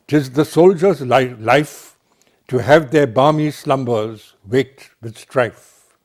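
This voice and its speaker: A middle-aged man giving a university lecture on literature, slow and emphatic. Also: fairly high pitch, dark tone. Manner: slow, deliberate, emphatic delivery.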